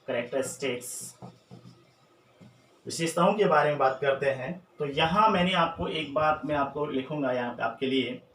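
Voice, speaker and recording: A man's voice: fairly high pitch, a bit bright. A man teaching an exam-prep lesson, who keeps repeating key terms and asking rhetorical questions. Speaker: English teacher. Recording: echoey room with faint noise.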